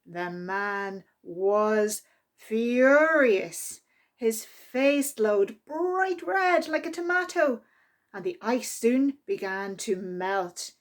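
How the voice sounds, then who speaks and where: A woman reading a picture book aloud to young children in an animated, expressive storytime manner. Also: fairly high pitch, very slow. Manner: expressive, with exclaimed sound effects and asides to listeners. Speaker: library storytime reader.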